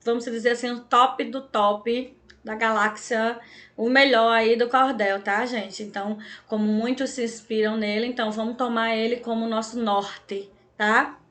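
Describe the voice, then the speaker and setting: A woman's voice: a little high, fairly even intonation, measured pace, a bit bright. A woman teacher with a Brazilian accent giving an online class, checking in with her students every few lines. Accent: Brazilian Portuguese. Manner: frequent check-ins with "tá, gente?" and "certo?". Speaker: Portuguese teacher.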